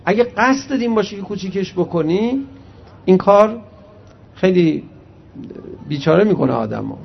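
Man, religious sermon, high voice, gravelly texture, muffled lo-fi sound, slow Arabic recitation, direct address. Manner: recites Arabic hadith slowly, then translates conversationally; animated storyteller addressing the audience directly. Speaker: cleric preacher. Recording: muffled lo-fi recording.

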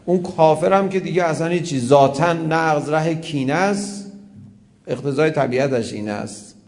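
A man preaching a religious sermon, animated, rising to emphatic calls and then dropping low.

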